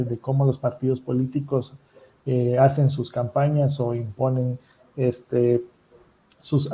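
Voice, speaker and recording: A man hosting an interview, talking in a measured, analytical way. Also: mid-range voice, dull audio. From Guatemala. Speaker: host. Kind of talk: interview commentary.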